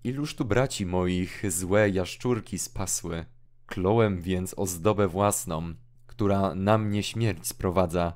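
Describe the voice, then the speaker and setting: Man reading a gloomy feverish young hermit, deep slow voice, audiobook drama. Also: darkish tone. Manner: mournful, rising into agitated outbursts. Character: anguished young male hermit, feverish and brooding.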